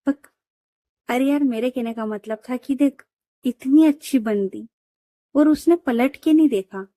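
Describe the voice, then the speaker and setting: A bold, cheeky young woman voiced by a female storyteller who brags about herself with easy swagger. She speaks a little higher and louder than the narration around her. The voice sits on a mellow tone in a dry audio-story recording. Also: a little slow, no echo. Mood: teasing. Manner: cheeky and boastful. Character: bold, teasing, self-assured young woman.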